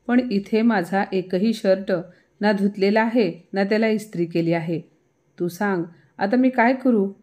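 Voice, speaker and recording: A woman's voice: mid-range voice, unhurried, a little mellow, lightly acted. A woman voicing a flustered young man who complains to his mother in a family story. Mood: complaining. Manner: complaining, agitated.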